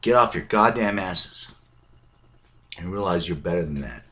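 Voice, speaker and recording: A man's voice: deep voice, expressive, normal speed, pushed and bright. A man ranting bluntly to his viewers, swearing heavily and hammering his points with emphatic bursts. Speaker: vlogger. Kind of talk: profane ranting monologue.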